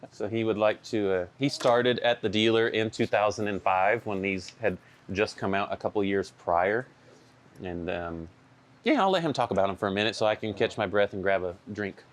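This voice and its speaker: A man with a notably low, deep voice talks casually at a tech session. He is relaxed and conversational, often pausing on fillers as he explains engine problems. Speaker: shop owner presenting a tech session. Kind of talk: casual technical talk. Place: event room.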